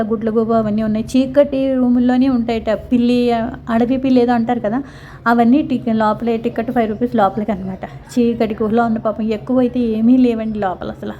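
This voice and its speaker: A middle-aged woman talks through a casual vlog in a fairly high, mellow voice, pausing and restarting often as she goes. Her tone is sympathetic and drawn out. Faint outdoor ambience sits behind her, as at an open-air park. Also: lo-fi sound, a little hiss or hum. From India. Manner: sympathetic, rambling, drawn-out talk with many restarts. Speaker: vlogger.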